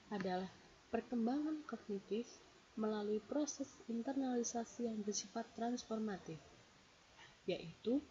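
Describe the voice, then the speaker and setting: A woman presents a read-out lecture in a warm, mellow voice, steadily numbering each point as she explains. The recording is dull and lo-fi, with a faint hiss underneath. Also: fairly high pitch. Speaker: presenter explaining a psychology theory.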